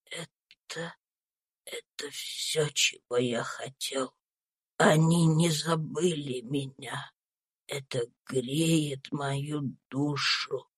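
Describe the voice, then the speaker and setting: A woman's voice: low-pitched, slightly rough, no echo, clean studio sound, voice pushed down, full character voice. A woman voicing a dying, devout old male slave who speaks weakly and solemnly in an audiobook reading. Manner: weak, faint, slow and solemn. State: whispery and breathless.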